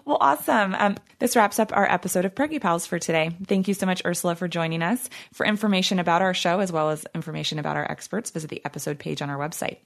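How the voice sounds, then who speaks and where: A woman's voice: lowish voice, vocal fry. A woman hosting a podcast, upbeat as she chats and wraps up the show. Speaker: podcast host. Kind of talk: casual chat and show outro.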